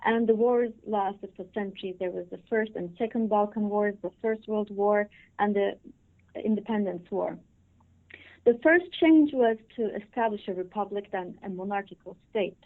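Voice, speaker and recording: Turkish-born woman guest on a phone line. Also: medium pitch. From Turkey. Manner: measured, many fillers. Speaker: interview guest, professor. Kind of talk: interview answers.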